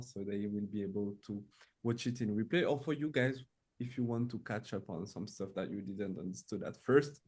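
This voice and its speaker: A man's voice: on the low side, a little mellow. A man with a French accent hosting a live-streamed interview, speaking enthusiastic, loosely worded English. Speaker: host.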